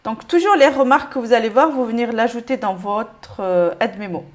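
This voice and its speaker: Une femme qui donne un cours de lecture avec patience, en répétant lentement chaque mot. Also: female voice, on the high side. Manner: patient, repeats each word slowly. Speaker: Arabic reading teacher. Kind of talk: step-by-step lesson.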